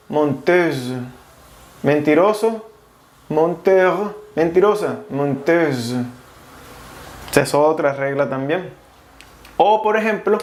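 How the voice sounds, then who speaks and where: A French teacher with a fairly high voice gives a casual video lesson, explaining grammar rules step by step and spelling out letters. The sound is reverberant.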